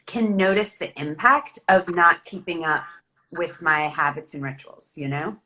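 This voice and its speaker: A woman hosting a relaxed chat, her voice bright and forward with a lively, animated delivery. She talks loosely and easily, the way people do in casual conversation. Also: fairly low pitch, unhurried. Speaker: host.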